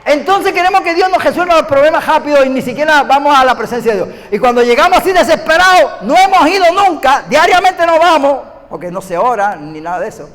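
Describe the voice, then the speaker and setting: A man preaching a sermon, acting out little dialogues and swinging between shouts and hushed asides. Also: very high-pitched, expressive, fast, hardly any pauses, some chatter behind. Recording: hall reverb, faint background noise.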